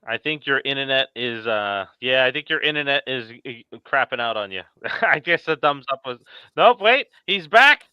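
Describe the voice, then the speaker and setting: A man's voice: medium pitch, expressive, normal speed, clean tone, dry recording, lo-fi sound. A man hosting a casual live show, laid-back, laughing often and steering the talk. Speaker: podcast host. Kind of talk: casual chat.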